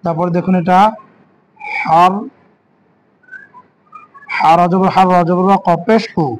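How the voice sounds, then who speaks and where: A man teaching Quran reading, spelling out letters and vowel marks slowly and asking the learner rhetorical questions. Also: high voice, flat delivery, a little hiss or hum, poor audio. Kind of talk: step-by-step reading lesson.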